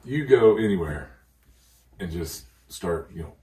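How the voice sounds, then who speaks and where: A middle-aged man with a very low, deep voice tells rambling stories and laughs through them. He sits a little back from the mic in an echoey room. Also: lively intonation, unhurried, warm tone, far from the mic. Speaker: podcast guest. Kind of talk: casual chat, storytelling.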